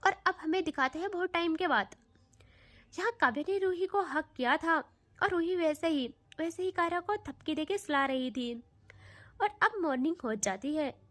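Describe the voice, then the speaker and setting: A woman's voice: very high voice, animated, moderate pace, a bit bright. A woman narrating a casual audio love story, chatty, with asides to the listener.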